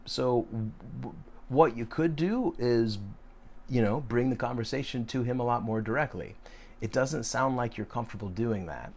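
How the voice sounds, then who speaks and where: A man's voice: mid-range voice, vocal fry. A man in his late thirties hosting a casual live Q&A, answering viewer questions in a frank, rambling way with frequent fillers and restarts. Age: 30s.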